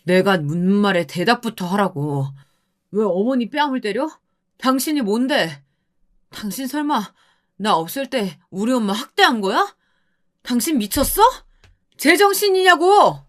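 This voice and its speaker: A woman's voice: a little high, very animated, moderate pace, voice pushed up. A woman voicing an angry husband confronting his wife. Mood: enraged.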